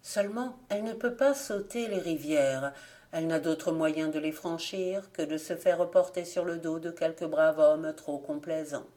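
A woman narrates folk tales for an audiobook. She reads in a steady, clear storytelling manner, with a fairly low voice. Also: unhurried. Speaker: volunteer audiobook reader.

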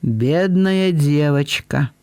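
Man voicing a slow-spoken kindly old lady. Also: on the high side, expressive, a little mellow, clear, resonant tone, dry recording. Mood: tender, shaken. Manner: slow, deliberate, drawn-out speech. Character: kindly, lonely elderly lady, gently fussy.

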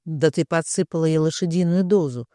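A man voicing a stern, coldly furious man who speaks with low, controlled menace in an audiobook. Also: fairly quick, warm tone, no echo, studio quality, lightly acted.

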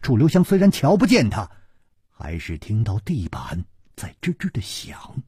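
A man narrating a martial arts tale in the traditional storytelling style, dramatic, with sudden hushes, recorded close to the mic. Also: huge pitch swings, breathy edge, no room sound. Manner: dramatic, slow, with sweeping pitch and sudden hushes.

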